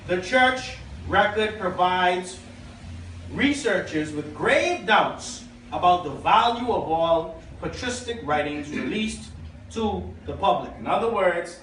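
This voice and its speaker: A Bahamian pastor preaching, reading out quotations and checking in with his listeners. His voice sits high. He is heard from far off in a big, echoing church hall with a faint hiss underneath. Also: fairly bright tone. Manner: preaching, reading quotations aloud, asking the congregation. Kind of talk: sermon.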